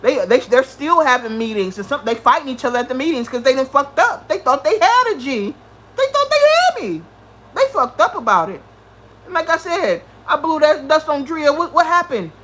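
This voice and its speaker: High-voiced woman ranting on a livestream. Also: fairly quick, poor audio. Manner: profane, animated, greets chat viewers. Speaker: livestream host.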